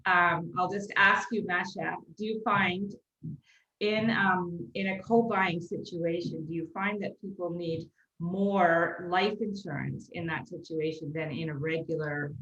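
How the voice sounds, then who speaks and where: A woman's voice: lowish voice, steady tone, unhurried, pushed and bright. A woman hosting an online panel interview, asking questions hesitantly with fillers as her call audio cuts out and glitches. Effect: cutting-out glitchy call audio. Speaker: host. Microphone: video call. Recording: echoey lo-fi noisy call line.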